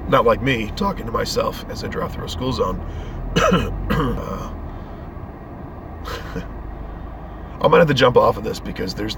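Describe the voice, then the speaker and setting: A vlogger with a head cold rambles through an earnest rant in a hoarse, fairly low voice while driving. It's a casual driving vlog recorded inside the moving car, with road noise in the background.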